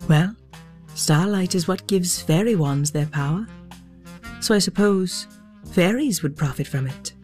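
A kind, patient fairy from a children's audio story, played by a woman. She speaks in a low, calm, soothing way. Faint music sits behind her. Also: unhurried, lightly acted. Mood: gentle. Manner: gentle, patient.

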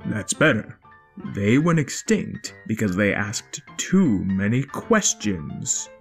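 A woman voicing a stern father dinosaur in a storybook, firm and lecturing in a lowered voice. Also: very animated, slow, soft background music, exaggerated voice. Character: stern, set-in-his-ways father dinosaur. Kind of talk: storybook character voice.

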